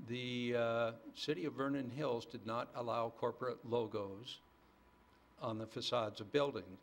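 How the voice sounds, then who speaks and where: A mature American man presenting to a public board as a company manager, genial and measured, often pausing mid-sentence. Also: mid-range voice, gravelly. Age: middle-aged or older. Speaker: corporate development manager, petitioner.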